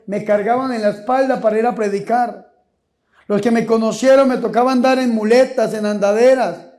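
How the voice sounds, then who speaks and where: A man, a priest, giving a lively sermon with call-and-response, repeating his questions and shouting key words. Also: very high voice. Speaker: priest preaching. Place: church or retreat hall with a congregation. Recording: echoey hall with crowd.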